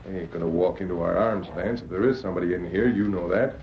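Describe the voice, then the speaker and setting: An actor playing a rough, uneducated henchman in an old-time radio adventure, grumbling in folksy, ungrammatical talk. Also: low-pitched, fast. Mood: doubting, grumbling. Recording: hissy, dull vintage radio recording.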